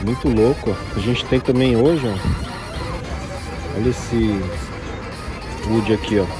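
A Brazilian man films a casual vlog as he walks the stalls of an outdoor street market, pointing out items with eager enthusiasm. His voice sits at a middle pitch, and he is recorded on a handheld phone. Clear music plays in the background along with passing traffic. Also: measured pace. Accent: Brazilian Portuguese. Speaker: vlogger browsing toy stalls. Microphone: handheld phone camera.

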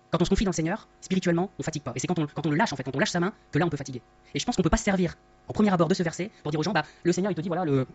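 A man giving an earnest, conversational Bible study talk, often rephrasing himself, his voice masked by voice-disguising software on a dull, lo-fi recording. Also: a little high, slightly rough. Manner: earnest, rephrases often, tags lines with "hein". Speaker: Bible teacher. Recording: dull lo-fi sound.

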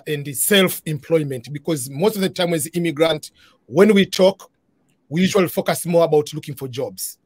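A middle-aged man with a fairly high voice hosts a live online interview over a video call from his living room, with no room sound. He's earnest, keeps restarting sentences, and uses many "uh" fillers.

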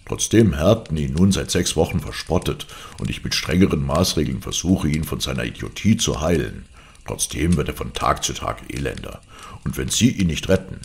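Man playing a menacing villain, deep gravelly voice, slow threats. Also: lively intonation, slight background noise, heavily acted.

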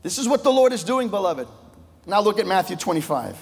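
A male pastor delivers a sermon with fervor, his voice climbing loud and then falling to a hush. His voice sits high for a man. The sound rings with the long echo of a large church sanctuary. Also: big pitch swings, brisk, vocal fry, slightly rough. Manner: impassioned preaching, voice swelling and dropping low.

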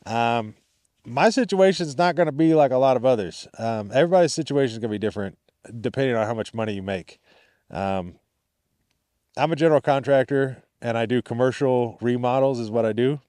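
A man talks to his viewers in a casual vlog style, with a medium-pitched voice. He rambles informally and sounds appreciative. The sound is dry, with hardly any room on it. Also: brisk, darkish tone, no room sound. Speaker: vlogger. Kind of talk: casual chat to camera.

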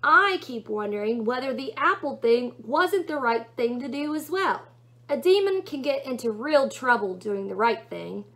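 A woman's voice: on the high side, expressive, moderate pace, a bit bright. A woman reading a storybook aloud, voicing a sardonic, casual male serpent demon who muses and questions. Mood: musing. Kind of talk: storybook read-aloud character voice.

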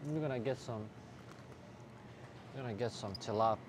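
A man's voice: mid-range voice, moderate pace. Playful man vlogging in a noisy store. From Bosnia. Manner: playful, jokey, talks to camera. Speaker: fitness vlogger. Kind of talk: casual vlog chat. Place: supermarket aisles. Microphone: handheld camera, filmed by cameraman. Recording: noisy store with background ambience. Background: shop ambience.

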